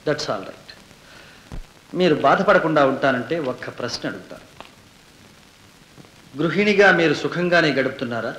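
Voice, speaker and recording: An actor playing a sharp, insistent lawyer cross-examining witnesses in an old film. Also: male voice, a little high, expressive, normal speed, long pauses. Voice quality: probing, insistent. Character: sharp probing male defence lawyer. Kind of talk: 1970s Telugu film acting. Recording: echoey old film soundtrack.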